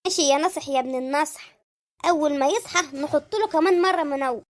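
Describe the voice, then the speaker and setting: A high sped-up voice playing a jealous, nagging middle-aged wife and mother in a comic cartoon, with an Egyptian accent and a shrill, wailing manner. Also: quick pace, natural voice. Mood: scheming. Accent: Egyptian Arabic.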